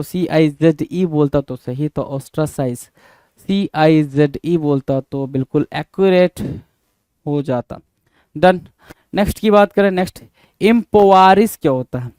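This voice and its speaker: A man's voice: high voice, moderate pace, no room sound. A man teaching a spelling lesson, spelling words out letter by letter and repeating each point, with an Indian accent. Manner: often adds "bhai" to address viewers. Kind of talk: spelling lesson, checking answers.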